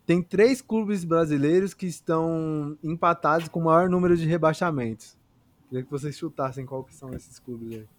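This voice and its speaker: A man's voice: a little high, normal speed. A man with a Brazilian Portuguese accent co-hosting a casual, conversational football discussion. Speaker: football podcast co-host. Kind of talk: casual chat.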